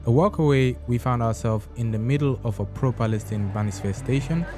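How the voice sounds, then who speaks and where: A man hosting a podcast, reading scripted documentary narration in a measured, explanatory way. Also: medium pitch, loud music behind the voice.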